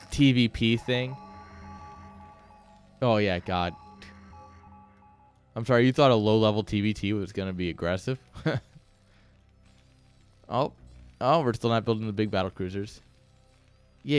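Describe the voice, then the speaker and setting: A man giving casual esports commentary with joking, sarcastic asides. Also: mid-range voice.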